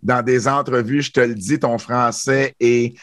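A man's voice: mid-range voice, fairly even intonation, measured pace, fairly bright tone, no room sound, clean studio sound. A man, co-hosting a casual podcast chat, talkative with lots of fillers and restarts. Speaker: podcast co-host.

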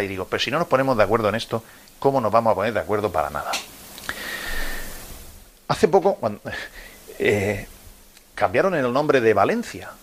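A man in his fifties from Murcia, Spain, hosts a sports radio show and delivers an impassioned monologue, addressing his listeners directly with rhetorical questions. His voice is mid-range with a fairly bright tone.

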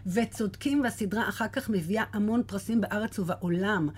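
A woman's voice: medium pitch, darkish tone, a little hiss or hum. A woman with an Israeli accent speaking conversationally as an interview guest, often repeating words for emphasis. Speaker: casting director interviewed as guest.

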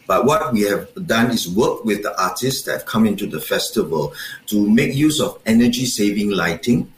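Man, lowish pitch, official interview style, hesitant measured phrasing, echoey room, faint noise. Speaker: festival director, interview guest. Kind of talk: formal interview answers. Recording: roomy echo with faint background noise.

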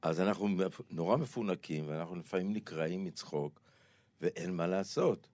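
Deep-voiced man telling stories, dry studio. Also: a little mellow, no echo. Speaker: comedian guest. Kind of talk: talk show conversation. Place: radio studio.

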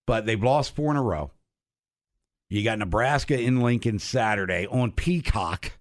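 A man's voice: fairly low pitch, animated, normal speed. Toothless middle aged guy hosting sports radio, bit of a lisp, talking casual without his dentures. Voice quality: slight lisp.

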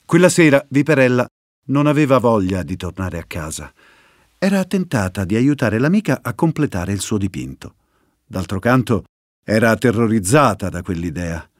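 A man reading a children's story aloud as its narrator, in an expressive storytelling way. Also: lowish voice, moderate pace, no echo, studio quality.

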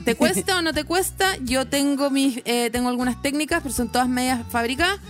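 A woman's voice: sits high, soft background music. Chatty Chilean woman, rambling storyteller. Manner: rambling storyteller, halting restarts. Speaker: podcast co-host. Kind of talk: casual chat.

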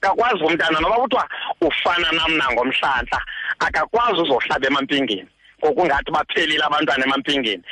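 A man's voice: on the high side, pushed and bright, no echo, rough recording. A man with a Xhosa accent, explaining traditional custom as a guest expert on talk radio.

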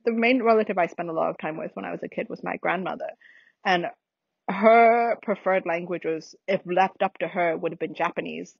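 A woman's voice: lowish voice, a little fast, creaky, breathy edge, dry recording, muffled recording. A woman with an American accent influenced by years in Britain, chatting casually and reflectively in thoughtful, hesitant phrases. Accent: American with British influence. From United States.

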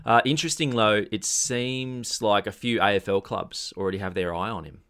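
Low-voiced Australian man, blokey podcast host. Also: moderate pace, a bit bright, clear, resonant tone. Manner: blokey, tongue-in-cheek, slangy. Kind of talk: casual comedic sports chat.

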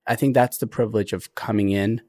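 A young adult man from Ethiopia, a podcast guest talking in an earnest, reflective way with frequent pauses. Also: lowish voice, steady tone, dark tone. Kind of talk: conversational interview.

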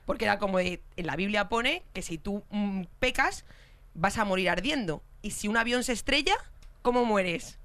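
A woman with a Spain Spanish accent telling a story in casual chat, animated, swearing and laughing as she goes. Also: mid-range voice, moderate pace. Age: adult with a young child. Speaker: podcast co-host telling a story.

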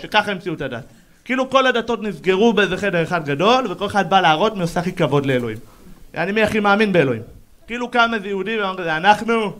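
A man doing a brash stand-up routine, teasing the audience on a comedy club stage. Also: high-pitched. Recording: loud crowd and noise, live set.

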